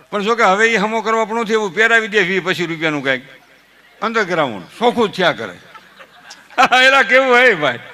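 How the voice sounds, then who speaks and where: Saurashtra Gujarati folk comic, high, sharp voice, chuckling storyteller. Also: male voice. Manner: animated, laughs at own jokes, mimics family members. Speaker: folk comedian.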